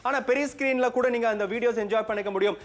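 A man with a Tamil accent presenting a teleshopping sales pitch, persuasive and full of rhetorical questions. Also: steady tone, very fast. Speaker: TV shopping presenter.

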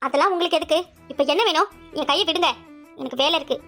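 A woman's voice: high voice, fast, soft background music. A woman voicing a proud, defiant young wife in a cartoon drama, answering back indignantly. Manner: indignant, sharp retorts.

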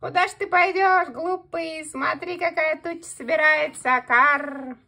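A woman voicing a grumpy, scolding female crow in a storybook tale, with shrill drawn-out cawing. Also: pushed and bright, heavily acted.

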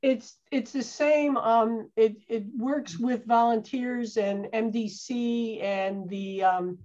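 Her voice is fairly high and darkish, with fairly even intonation and a slow pace, as this town parks department head answers questions in a casual meeting. She's calling in by video from a home office, with some hesitant restarts. The audio comes across dull.

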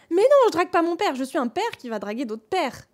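A woman streamer chatting casually while playing a game, excitable and slangy, laughing often and thanking her chat. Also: very high voice. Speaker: Twitch streamer. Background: faint game music.

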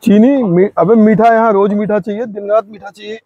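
A high-voiced man in his forties talks in a relaxed, chatty way at a riverside campsite in a forest. The sound is dry and a little dull, picked up by a phone held close. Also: brisk, no room sound. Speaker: vlogger. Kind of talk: casual camping vlog narration. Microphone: phone camera held close.

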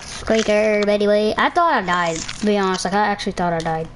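A woman's voice: medium pitch, brisk, a little hiss or hum, low-quality recording. A young woman streaming a game, casually commenting with playful trash talk and making silly sound-effect noises. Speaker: gamer streamer.

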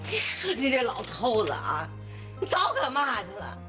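An actress playing a feisty, jealous older wife who scolds and mocks loudly. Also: female voice, on the high side, wildly swooping pitch, normal speed. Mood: scolding. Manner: loud scolding and mocking. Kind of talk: TV sitcom acting. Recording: TV drama with background music. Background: background music.

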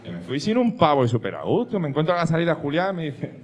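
A man performing a stand-up comedy monologue, telling a story, dropping to hushed asides and rising to loud punchlines. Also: fairly high pitch, wildly swooping pitch, quick pace, a little hiss or hum. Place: comedy club stage with audience. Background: audience laughter.

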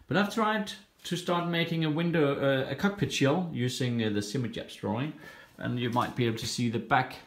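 A man talks through his do-it-yourself project in a casual walkthrough, stopping often with small "uh" pauses as he explains. His voice sits at an ordinary middle pitch. The handheld phone picks him up in a bare, roomy space that echoes around him. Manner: explains steps plainly with many "uh" pauses. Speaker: home cockpit builder. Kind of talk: casual build-log walkthrough. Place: indoors in a home workshop room. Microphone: handheld phone camera. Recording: roomy echo in a bare room.

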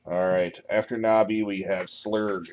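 A man running a tabletop game as game master, calling turns and results in a relaxed way. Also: sits low. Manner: relaxed, brisk turn calling with laughs. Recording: muffled lo-fi table recording.

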